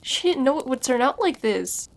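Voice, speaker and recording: A woman's voice: sits high, big pitch swings, normal speed, vocal fry, slight background noise, full character voice. A woman voicing a teenage girl heroine who speaks in an earnest, confiding way. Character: teen girl heroine, daughter of a superpowered mother. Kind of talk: fan voice acting for an animated game movie.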